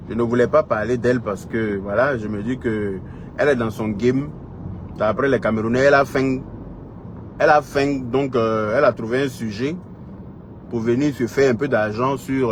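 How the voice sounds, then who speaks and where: A man's voice: mid-range voice, a little hiss or hum. A man with an Ivorian French accent, delivering a heated, scolding monologue full of repetition and rhetorical questions. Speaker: social media commentator. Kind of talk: heated direct-address rant.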